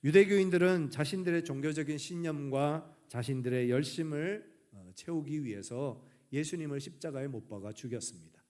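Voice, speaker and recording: A male pastor from the Gyeongsang region preaching a sermon earnestly, letting his sentence endings fall soft and quiet. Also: a little high, moderate pace, hardly any pauses. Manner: earnest, trailing off softly at sentence ends.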